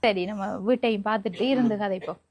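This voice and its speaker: A woman vlogger with a Sri Lankan Tamil accent, gently soothing and reassuring a family as she talks with them at their home. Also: medium pitch, steady tone, fast talker, dull audio. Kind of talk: casual conversational interview.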